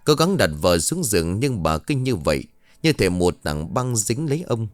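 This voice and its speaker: A man's voice: lowish voice, very animated, moderate pace, no echo. A man narrating a horror ghost story in a dramatic, suspenseful way. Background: faint music.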